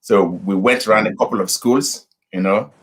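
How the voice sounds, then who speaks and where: Over a video call, a pastor from Nigeria, middle-aged and with a husky voice on the low side, shares his story as a guest. He takes his time in this casual interview, restarting often and using many fillers.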